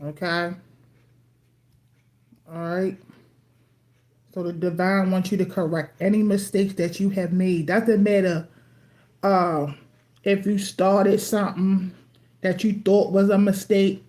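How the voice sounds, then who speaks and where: In a warm, level, mid-range voice, a woman reads tarot for a livestream at home while a TV plays, speaking slowly and leaving long pauses. The tone is chatty and informal; she snacks as she talks and greets viewers with y'all.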